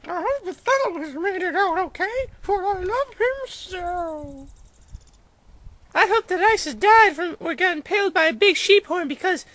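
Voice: very high voice, animated, a little slow, a bit bright, full character voice, poor audio. A performer playing a lovestruck daughter in a homemade comedy skit, whiny and pleading. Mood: dreamy, spiteful. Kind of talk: amateur comedy skit acting.

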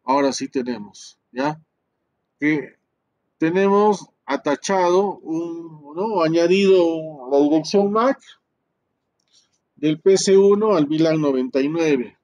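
Slow-talking man muttering through a tutorial. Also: fairly high pitch, darkish tone, dull audio. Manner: thinks aloud, frequent tag questions, mutters and trails off. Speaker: networking instructor. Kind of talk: screen-recorded tutorial.

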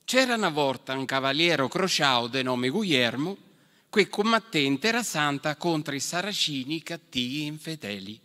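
A man telling a folk tale on stage in a Marche dialect from the Fabriano area, animated and theatrical. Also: fairly high pitch, moderate pace. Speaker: storyteller. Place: stage in an event hall. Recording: reverberant hall.

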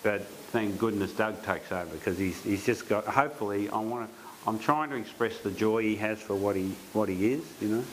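Man with a lowish voice telling animated anecdotes, faint hiss. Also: fairly quick, low-quality recording. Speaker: painter. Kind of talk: storytelling interview.

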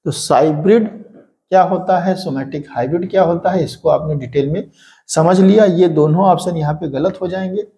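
A man's voice: fairly high pitch, normal speed, warm tone. A man teaching an exam-prep lesson, who keeps asking rhetorical questions and answering them himself. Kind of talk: explaining a lesson.

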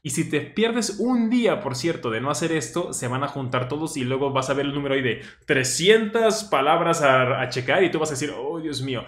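A man's voice: on the high side, a little fast, few pauses. Stuttering man in a roomy space. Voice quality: stutters now and then. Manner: relaxed, thinks aloud, repeats phrases. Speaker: language teacher reviewing a study deck. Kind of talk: casual explanatory commentary. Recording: roomy echo.

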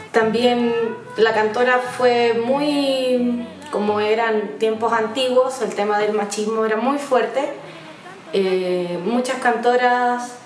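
A young Chilean woman in her twenties, speaking with a slightly high voice in a soft, reflective way and pausing often. She is recorded in a roomy space from a little way off the mic, with faint music underneath. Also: recorded from a distance. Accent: Chilean Spanish. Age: 20s. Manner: soft-spoken, reflective, with frequent "eh" pauses. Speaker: folk singer. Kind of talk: documentary interview.

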